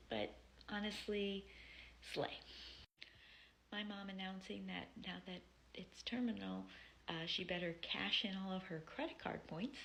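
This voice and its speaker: Creaky-voiced woman telling wry stories. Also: mid-range voice, a bit bright, a little hiss or hum. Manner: wry, darkly funny, often dropping to a breathy near-whisper. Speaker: vlogger. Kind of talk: casual personal storytelling to camera.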